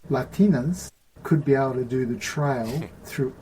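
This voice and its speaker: A man's voice: medium pitch, a little slow, mellow, a little hiss or hum, low-quality recording. A man in a podcast conversation, explaining ideas earnestly and checking that his listener follows. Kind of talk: casual conversation.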